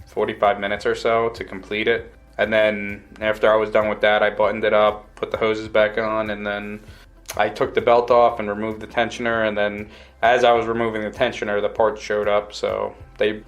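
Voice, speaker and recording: Low, even-toned man, plain-spoken mechanic. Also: moderate pace, faint music behind. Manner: plain-spoken, matter-of-fact. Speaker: automotive technician being interviewed. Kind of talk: casual interview, recounting a work day.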